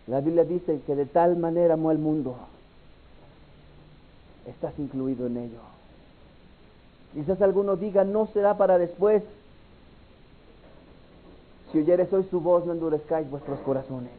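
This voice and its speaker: A man preaching an altar call, moving from hushed pleading to loud, impassioned cries. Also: on the high side, moderate pace, pauses often, a little hiss or hum. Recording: tinny phone-like sound with faint music.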